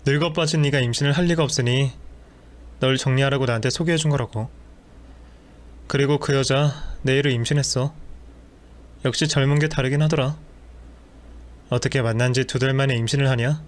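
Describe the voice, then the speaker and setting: A man's voice: medium pitch, steady tone, fairly quick, pauses often, close to an everyday voice. A man voicing a cruel, contemptuous husband who talks in a scornful, dismissive way.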